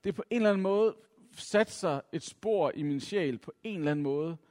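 A man's voice: a little high, a little mellow. Danish man telling a story in a hall. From Denmark. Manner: reflective, self-mocking, many filler sounds. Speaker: speaker telling a personal story. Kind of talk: personal storytelling to an audience. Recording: long reverb from a hall.

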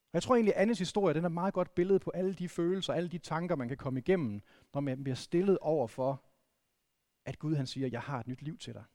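Guy from vendsyssel giving a chatty sermon, slightly high voice, dry close sound. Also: mellow, no echo. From Vendsyssel, Denmark. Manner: conversational preaching with frequent restarts and tag questions. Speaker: pastor.

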